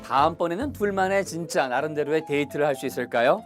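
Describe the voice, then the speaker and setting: A language teacher giving a recorded video lesson in a lively way, often checking that viewers are following. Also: mid-range voice, quick pace, soft background music. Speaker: English teacher.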